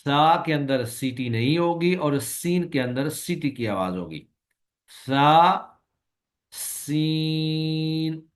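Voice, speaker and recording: A man who teaches Quran recitation, giving a recorded lecture and explaining slowly and patiently, with long drawn-out sample sounds and a Pakistani Urdu accent. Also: mid-range voice. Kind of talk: recorded lecture on letter pronunciation.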